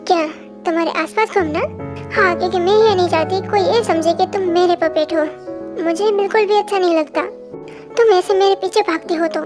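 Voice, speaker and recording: A storyteller reading a fan story aloud and voicing every character's lines in a lively way, switching quickly from one to the next. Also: extremely high pitch, music in the background.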